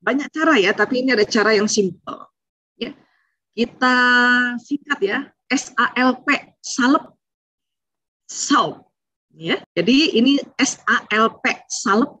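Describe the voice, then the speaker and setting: Woman giving a chatty parenting seminar and acting out what parents should say; husky voice, dull dry recording. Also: on the high side, lively intonation, measured pace, bright, forceful tone, no room sound. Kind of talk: casual seminar talk.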